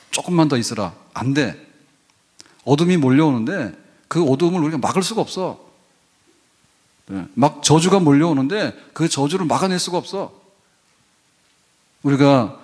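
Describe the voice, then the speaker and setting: A man's voice: medium pitch, darkish tone. An older man preaching a sermon as pastor in a church, folksy and conversational, rising to emphatic peaks. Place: church sanctuary.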